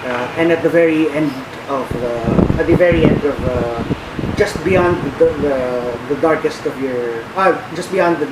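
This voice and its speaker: A man with a slightly high voice narrates a tabletop game as game master. He speaks haltingly, feeling for each phrase. The recording is roomy and distant, with heavy noise behind him. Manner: halting, hesitant, searching for words. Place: echoey room. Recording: roomy, distant mic, loud background hum.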